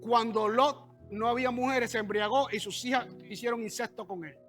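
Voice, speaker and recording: A man's voice: very high-pitched, steady tone, normal speed, fairly bright tone, soft background music. A man pastor preaching a sermon in a church, conversational, with asides and questions to the congregation.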